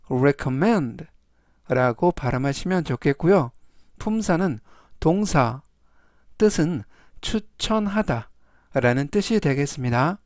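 A man's voice: fairly high pitch, darkish tone, no room sound, studio quality. A man teaching English vocabulary, repeating each word three times and explaining its stress and meaning in formal, polite phrasing. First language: Korean. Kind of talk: slow, deliberate vocabulary lesson.

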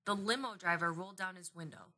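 Woman reading a kids picture book out loud, lively and expressive, bright tone. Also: fairly low pitch, quick pace. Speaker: storybook reader. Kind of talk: picture-book read-aloud.

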